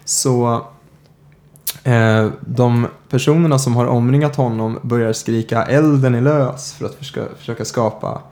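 A man hosting a podcast, telling a true-crime story in a casual way, often pausing on filler sounds. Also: medium pitch, fairly even intonation, darkish tone. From Sweden. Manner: hesitant, many filler "eh"s. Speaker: podcast host.

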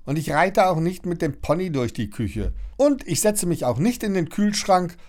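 A man voicing a lively, bossy young girl in a storybook reading. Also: mid-range voice, moderate pace, voice pushed up, lightly acted. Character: spirited young girl, quick-tempered but fond.

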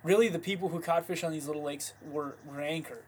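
A man's voice: fairly high pitch, fairly even intonation, fast, slightly rough. A man co-hosting a casual fishing chat, talking in an easygoing, plain way. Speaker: podcast co-host.

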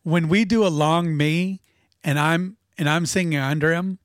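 A man's voice: fairly high pitch, steady tone, normal speed, clean tone, no room sound, clean studio sound. A man co-hosting a podcast, telling laid-back stories about music with lots of "like.". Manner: anecdotal, laid-back, says "like" often. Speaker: podcast co-host, bass player. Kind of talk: casual chat about their record.

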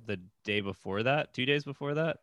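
Relaxed man with a dry, lowish voice. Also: moderate pace, dry recording. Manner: relaxed, upbeat, swears. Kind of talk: casual chat.

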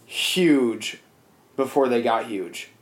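A man's voice: medium pitch, animated, drawn-out words. A young man in casual chat on a podcast, rambling with lots of fillers and swearing freely.

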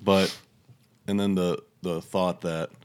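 A young man in a relaxed co-hosting chat, with a somewhat low voice. He speaks hesitantly and leans on fillers as he searches for words. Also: slow pace, smooth. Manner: laid-back, hesitant, many fillers. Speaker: co-host. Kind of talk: casual chat.

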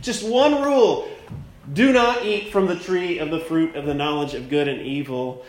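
A man preaching a sermon at a pulpit microphone in a church, plainspoken and conversational, stressing words slowly for emphasis. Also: a little high. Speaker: pastor. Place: church sanctuary. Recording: echoey church room.

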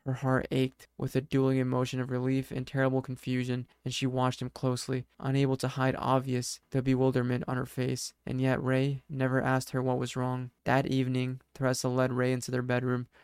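Flat, smooth-voiced male storyteller. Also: medium pitch, a little fast, few pauses, no room sound, clean studio sound. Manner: steady, even reading. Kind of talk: scripted narration.

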